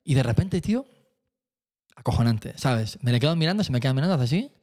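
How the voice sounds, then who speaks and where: A man telling a lively anecdote about his band on stage, acting out voices, laughing and swearing casually. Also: mid-range voice, quick pace. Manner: animated storyteller, acts out voices, laughs often, swears casually. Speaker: musician telling a tour story.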